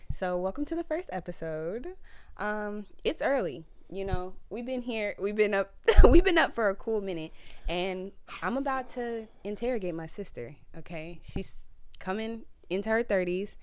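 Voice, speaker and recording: A woman's voice: medium pitch, lively intonation, moderate pace. A young woman of about twenty co-hosting a podcast, chatting playfully with lots of filler words. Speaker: podcast co-host. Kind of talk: casual chat.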